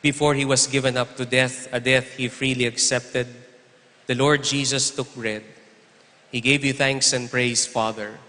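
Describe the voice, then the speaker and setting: Male priest, bright and even-toned, steady measured intoning, cathedral echo trailing every phrase. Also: mid-range voice. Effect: cathedral echo, long church reverb. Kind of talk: liturgical prayer recitation. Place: large church. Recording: long echoey church reverb.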